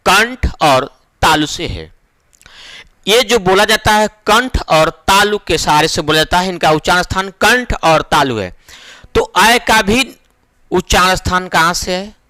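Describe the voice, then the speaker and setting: A male teacher gives an exam-prep lesson at an unhurried pace, stretching out vowel sounds and repeating every point. His voice sits high and swings widely, with a bright, forceful edge. The recording is close and dry, with no room sound. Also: no echo. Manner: slow and emphatic, repeats each point and answers his own questions; drawls vowel sounds to demonstrate them. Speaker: Hindi teacher.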